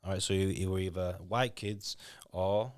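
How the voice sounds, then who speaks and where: The speaker is a Lithuanian-born man in his thirties, a native Lithuanian speaker with a Yorkshire accent, guesting candidly on a casual podcast where he swears and restarts words often. He has a low, darkish, steady voice at normal speed. It's recorded on a podcast mic in studio quality, free of echo.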